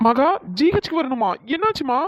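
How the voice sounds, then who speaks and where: A woman's voice: sits high, expressive, moderate pace, no room sound. A woman voicing a caring older-brother friend in a cartoon story, anxious and comforting. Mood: worried.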